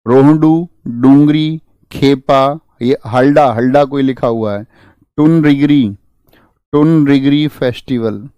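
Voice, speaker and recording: A man's voice: medium pitch, slow, dark tone, smooth, no echo, highs cut off. A man teaching an exam-prep class at a board, quizzing students and drilling memory tricks in an emphatic classroom manner. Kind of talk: classroom lecture with mnemonics.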